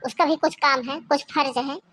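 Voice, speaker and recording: A woman voicing a scolding, greedy middle-aged mother-in-law in a cartoon, talking in a sharp, nagging, taunting way. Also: sits high, steady tone, moderate pace, a little hiss or hum. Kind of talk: Hindi cartoon voice acting.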